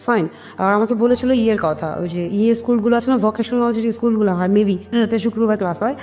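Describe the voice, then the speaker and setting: A woman with a Bangladeshi accent tells her life story in an interview, fast and fairly high-pitched with a dark tone. She speaks earnestly and emphatically, acting out remembered dialogue, with long reverb and music behind her.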